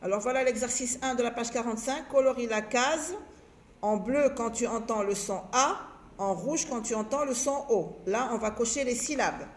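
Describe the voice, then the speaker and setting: A woman's voice: fairly high pitch, normal speed, a little hiss or hum. A woman teacher patiently walking young children through a reading exercise, repeating and stretching out words syllable by syllable. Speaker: primary school teacher. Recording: echoey room.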